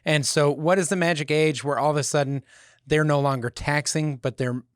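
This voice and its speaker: A man's voice: a little high, fairly even intonation, fairly quick, clear, resonant tone, dry recording, clean studio sound. A man in his forties hosting a podcast, who asks friendly questions and makes jokes. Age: 40s. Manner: jokey, affirming interviewer. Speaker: podcast host. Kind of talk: casual chat.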